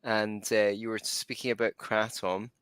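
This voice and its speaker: A man hosting a podcast interview, talking in a relaxed, rambling way with fillers. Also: on the low side, moderate pace, clean tone, no room sound. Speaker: podcast host. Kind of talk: conversational interview.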